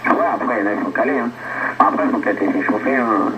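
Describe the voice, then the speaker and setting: A man's voice: on the low side, a little fast. A man in his forties, a CB radio operator, chatting casually and swearing now and then, heard over CB radio. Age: 40s. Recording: hissy CB radio signal.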